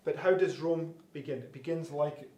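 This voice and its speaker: A man's voice: fairly high pitch, moderate pace, warm tone. A man teaching a Bible class through an interpreter, reading scripture and often checking in with "right?", stumbling over repeated words when unsure. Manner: reads scripture aloud, keeps checking with "right?". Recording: roomy room with faint hum.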